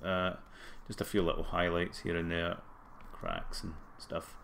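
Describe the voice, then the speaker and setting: Deep, gravelly man with broad Scottish accent. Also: very animated, measured pace, a bit bright, a little hiss or hum. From Scotland. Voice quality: groggy, gravelly throat. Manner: informal, thinking aloud while working. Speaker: tutorial presenter. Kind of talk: casual screen-recorded software tutorial.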